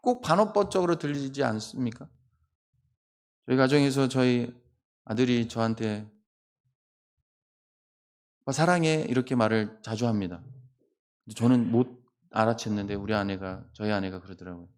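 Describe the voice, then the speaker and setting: A man's voice: medium pitch, moderate pace, a little mellow. A middle-aged man preaching a sermon as pastor, earnest and at times pleading as he voices the cries of the psalm. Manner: earnest, rising to pleading cries when voicing laments. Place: church sanctuary. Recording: long hall reverb.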